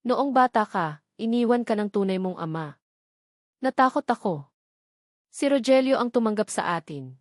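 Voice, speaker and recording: A woman's voice: on the high side, lively intonation, moderate pace, pauses often, no echo, studio quality, natural voice. A woman reading the lines of a fearful, guilt-ridden mother in a family drama story, in a pleading, apologetic way.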